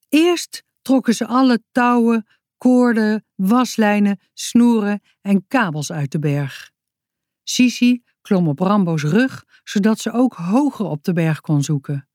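A woman narrating a children's story aloud in an expressive, lively way. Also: mid-range voice, takes it slowly, no room sound, clean studio sound.

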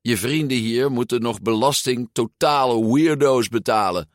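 A man's voice: mid-range voice, normal speed, dry recording, studio quality, pitched above the performer's own voice, natural voice. A man voicing a boastful, mocking teenage boy bully in a storybook reading. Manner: mocking, showy.

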